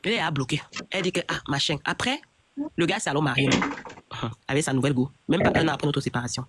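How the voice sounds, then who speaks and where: Woman spilling her story super fast, lots of restarts, noisy audio. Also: low-pitched. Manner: rambling, many restarts and repeats. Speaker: storyteller on a live chat. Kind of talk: casual personal storytelling.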